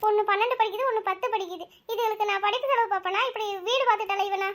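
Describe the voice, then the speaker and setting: A woman's voice: extremely high pitch, racing, fairly bright tone. A woman voicing a distressed cartoon aunt pleading tearfully to her elder sister. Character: distressed aunt Selvi, wronged wife.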